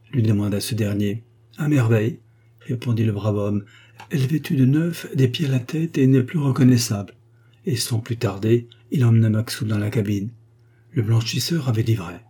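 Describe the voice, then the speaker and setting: A man narrates a classic novel at a measured, even pace. His voice is dark and mellow, with a husky, slightly breathy grain. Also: mid-range voice. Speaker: audiobook narrator. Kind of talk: reading a 19th-century novel aloud.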